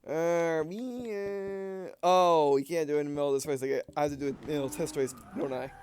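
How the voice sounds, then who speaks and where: This let's play gamer speaks a little fast in a fairly high voice, with slight background noise present. He rambles and corrects himself in casual, excitable commentary on his racing game, using an accent that mixes Southern and Russian.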